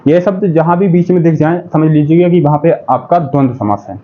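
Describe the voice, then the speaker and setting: Male exam-prep tutor, high voice, drilling by call and answer, dull lo-fi recording. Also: a little fast. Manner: repeats questions and answers them himself, says "ठीक है" often. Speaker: exam-prep Hindi teacher. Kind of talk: classroom-style lesson. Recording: dull lo-fi sound.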